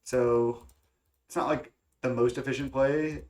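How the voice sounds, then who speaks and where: Unhurried and steady, a young man's medium-pitched voice sounds a little mellow but stuffy and congested. As a gaming content creator, he casually reasons aloud about his card game choices, with many fillers, restarts, and hesitations.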